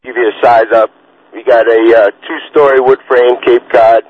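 A man's voice: medium pitch, flat delivery, normal speed, slightly rough. A man speaking as a firefighter in terse, matter-of-fact fireground radio messages. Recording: muffled, noisy two-way radio.

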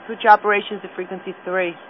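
A man's voice: high-pitched, flat delivery, fast talker. A man working as an emergency dispatcher, giving clipped, formal fire radio announcements and repeating each call. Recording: tinny, static-laden two-way radio.

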